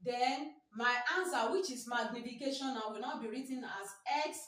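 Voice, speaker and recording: A woman's voice: on the high side, normal speed, a bit bright, distant mic. A woman with a Nigerian English accent teaching a biology exam-prep lesson, often repeating herself and asking "what?" before answering her own question. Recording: echoey room, voice from afar.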